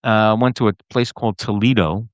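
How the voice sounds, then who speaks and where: A man co-hosting a podcast, telling a ranting story in casual chat and mimicking people in high voices. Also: fairly even intonation, fairly quick, no room sound. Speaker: podcast co-host.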